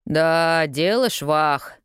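A woman's voice: sits low, extremely slow, smooth, dry recording, clean studio sound. A woman voicing a cocky young street newsboy who talks in a slangy, scoffing, drawling way.

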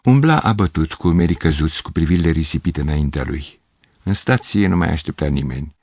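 A man narrates a literary story in a measured, steady reading. His voice is deep and husky. The sound is dry and close. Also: no room sound.

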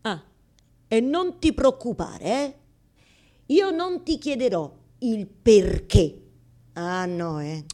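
This actress voices an anguished, embarrassed woman who takes on God in a theatrical radio monologue, stopping and repeating words insistently in a blunt, exasperated way. Her pitch is on the high side, her tone dark and expressive, and the mood comes across as indignant and exasperated.

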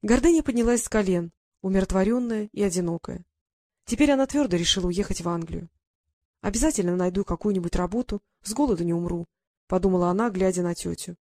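A woman's voice: medium pitch, fast talker, dark tone, no echo. Woman narrating an audiobook, dry close mic.

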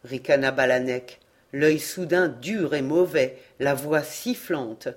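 A woman narrating a classic novel as an audiobook, reading in a measured, expressive way. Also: extremely low pitch. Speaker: audiobook reader.

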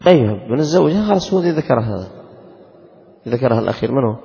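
A man teaching Islamic law to a class, quizzing his students and repeating rules slowly. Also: mid-range voice, expressive, gravelly, dark tone. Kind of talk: classroom lesson with questions to students. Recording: dull lo-fi recording, long reverb.

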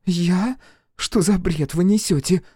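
A man voicing an emotional, quick-tempered young woman in a storybook reading, in a high, excitable and indignant voice. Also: breathy edge, no room sound, studio quality, full character voice. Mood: furious.

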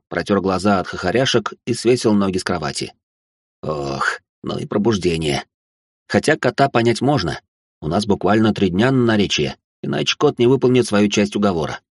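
Male narrator, audiobook, low husky voice, dry close sound, casual slangy telling. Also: dry recording.

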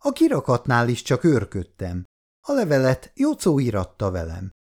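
A man's voice: mid-range voice, wildly swooping pitch, darkish tone. A man voicing a frightened young boy who defends himself and pleads. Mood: pleading.

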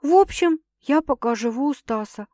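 Woman doing an unsure young woman, kinda defensive, higher voice, dry mic. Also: expressive, normal speed, warm tone, no room sound. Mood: unsettled. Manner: hesitant, sighing, a little defensive. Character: flustered young woman, wary but curious.

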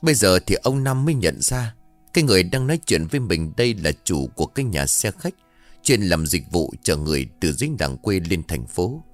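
A man narrating a sad village story in a solemn, expressive way. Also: low-pitched, no echo.

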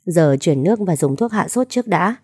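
A composed young doctor in a storybook, voiced by a woman narrator, speaking calmly and reassuringly. The tone is low and warm, with a dry, close sound. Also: brisk, husky, dry recording. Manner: calm, reassuring.

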